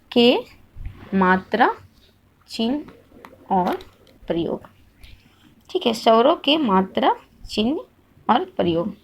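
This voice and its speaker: A woman's voice: a little high, creaky. A woman teaching a Hindi grammar lesson, patiently repeating each point and asking the listener questions to check understanding. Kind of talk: slow classroom-style grammar lesson.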